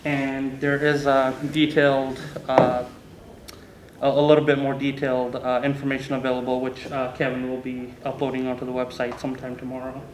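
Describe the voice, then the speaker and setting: A man's voice: medium pitch, completely flat delivery, a little fast, background noise. A municipal staff man briefing the council in a polite, formal way. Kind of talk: official briefing. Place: council board room. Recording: echoey room, far mic.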